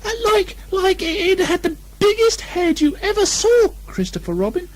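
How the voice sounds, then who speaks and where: A little male piglet from a storybook, full of nerves. The voice is thin, squeaky and very high, swooping about as it stammers anxiously. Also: big pitch swings, normal speed. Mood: anxious, excited. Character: small, timid, panicky male piglet. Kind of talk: storybook character voice. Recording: lo-fi 1980 amateur recording.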